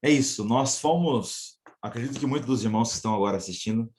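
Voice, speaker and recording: A male missionary telling his church about his calling in an earnest, measured way. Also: mid-range voice, darkish tone. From São Paulo state, Brazil. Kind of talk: church testimony.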